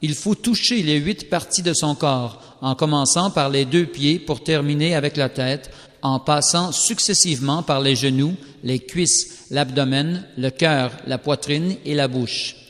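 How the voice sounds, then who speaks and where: A man giving a measured, solemn scripted reading of a scripture text. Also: a little high, a bit bright. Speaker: scripture reader. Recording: long reverberant hall sound.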